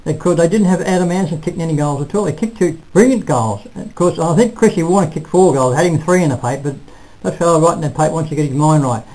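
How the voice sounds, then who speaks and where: An older man reviewing a local football match in casual, halting talk full of restarts, recorded on a close webcam in a small room. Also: a little high, mellow, rough recording. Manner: rambling, halting, self-correcting. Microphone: webcam at close range.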